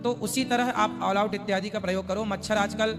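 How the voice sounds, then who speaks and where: A man, a spiritual teacher, calmly answering devotees' questions and explaining with everyday examples. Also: sits high, a little fast, long reverb tail, over music. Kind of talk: religious question-and-answer discourse.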